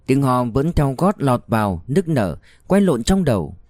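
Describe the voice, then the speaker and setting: A man reading a war novel aloud in steady, measured narration. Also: mid-range voice, no echo, clean studio sound. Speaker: audiobook reader.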